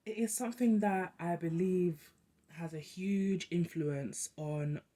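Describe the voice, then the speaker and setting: Young adult host, casual monologue; quick and talkative, restarts often. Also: medium pitch, mellow.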